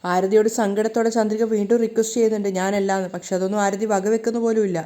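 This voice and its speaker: A woman narrates a story recap at a quick clip. Her voice is dark and mellow, and her tone sits in an ordinary middle register. She rushes along, stumbling and restarting a word here and there. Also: medium pitch, steady tone. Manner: brisk reading with stumbled restarts.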